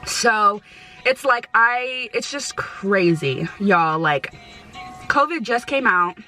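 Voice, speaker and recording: A young American woman vlogs to camera in a casual chat, her mid-range voice animated and sharp as she talks slowly in slangy, sweary, emphatic stoner speak, often repeating herself. Faint music plays behind the rough recording.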